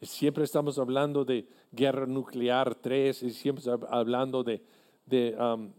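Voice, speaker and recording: Slow, mellow-voiced male preacher. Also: mid-range voice, little pitch movement. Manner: earnest, deliberate preaching with halting restarts. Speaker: pastor. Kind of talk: sermon.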